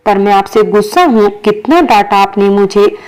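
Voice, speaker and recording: A woman's voice: mid-range voice, normal speed, a little mellow, clear, resonant tone, lightly acted, low-quality recording. A woman reading as a childlike insistent young woman. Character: sulking, playful young woman employee. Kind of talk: storybook dialogue reading.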